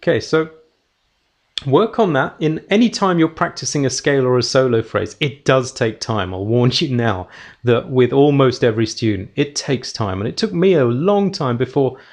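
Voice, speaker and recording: Brief: British man, jazz piano teacher, gravelly voice, counts beats between explanations, piano in the background. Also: medium pitch, expressive, normal speed. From United Kingdom. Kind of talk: music lesson. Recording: piano playing behind voice.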